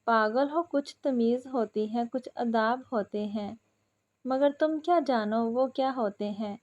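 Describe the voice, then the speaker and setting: A woman's voice: fairly high pitch, a little mellow, dull audio, close to an everyday voice. A woman voicing a feisty young bride who scolds her husband sharply, read in a storybook narration. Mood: sassy. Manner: scolding, sassy.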